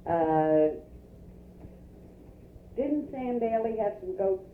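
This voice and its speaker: A woman's voice: medium pitch, lively intonation, drawn-out words. A woman asking informal questions as an oral history interviewer. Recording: tinny, roomy, distant, noisy field tape.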